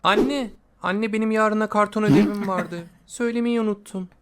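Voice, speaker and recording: A man's voice: high voice, steady tone, normal speed, noisy background, natural voice. Whiny Turkish cartoon son , acted by a man. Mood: pleading. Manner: whining, complaining. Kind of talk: comedy animation sketch.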